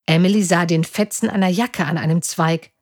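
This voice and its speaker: A woman reading a story aloud in a steady, careful way. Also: fairly low pitch, moderate pace, dry recording, clean studio sound. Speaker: story reader.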